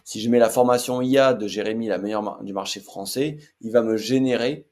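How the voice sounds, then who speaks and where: Male tutorial host, low register, relaxed and hesitant delivery, walks viewers through tools. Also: fairly quick. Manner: chatty, many filler hesitations. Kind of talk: casual screen-share tutorial.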